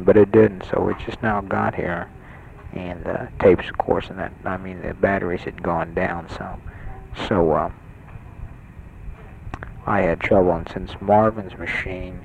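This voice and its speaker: A man's voice: low-pitched, creaky, slight background noise. A young man in a hospital bed, keeping his voice down as he rambles through a taped letter home with many fillers. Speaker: patient sending an audio letter home. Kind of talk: personal taped audio letter. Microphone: portable tape recorder mic held close. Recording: dull lo-fi home tape recording. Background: other patients talking in the ward.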